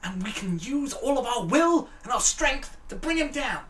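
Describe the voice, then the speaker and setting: A woman's voice: fairly high pitch, very animated, normal speed, fairly bright tone, reverberant, far from the mic. A woman doing a solemn, declaiming priest. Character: earnest male priest who hears from God.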